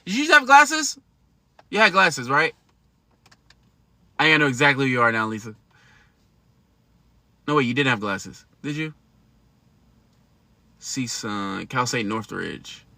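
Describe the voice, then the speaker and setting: A man's voice: medium pitch, sing-song, unhurried, gravelly, long pauses, sharp tone, dry recording. A man in his thirties hosting a casual livestream, talking to viewers in a slangy, emphatic, chatty way. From United States. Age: 30s. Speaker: livestream host.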